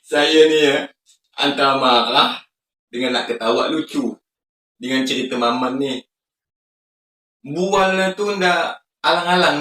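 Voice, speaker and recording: A man's voice: medium pitch, sharp tone, echoey room, distant mic. A man giving casual reaction commentary on a clip, skeptical and mocking, asking pointed questions.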